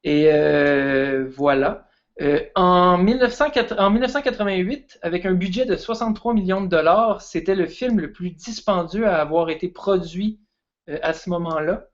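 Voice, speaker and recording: A man's voice: high voice, moderate pace, highs cut off. A man, a guest film expert chatting casually and enthusiastically on a stream.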